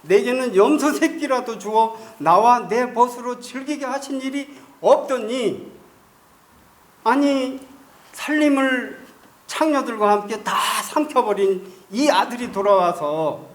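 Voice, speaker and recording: A man's voice: extremely high pitch, takes it slowly. A man voicing an aggrieved son who complains to his father, with demanding rising questions. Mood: indignant.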